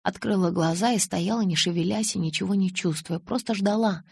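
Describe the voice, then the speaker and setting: A woman narrating an audiobook in an expressive storytelling manner, close to the mic. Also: medium pitch, fairly quick, creaky, husky.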